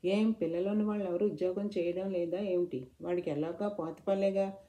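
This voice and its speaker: A practical young husband in an audio story who waves off his wife's worries about costs, as a woman narrator puts him on. The voice is low, dark and mellow. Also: fairly even intonation, fairly quick, lightly acted. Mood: dismissive. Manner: brushing off, reasoning. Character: practical young husband, dismissive and money-minded.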